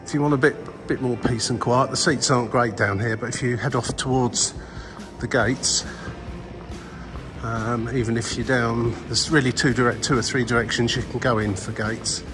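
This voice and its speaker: A man's voice: medium pitch, fairly even intonation, normal speed, music in the background. A man giving casual, rambling travel vlog commentary in a chatty, hesitant way. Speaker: travel vlogger.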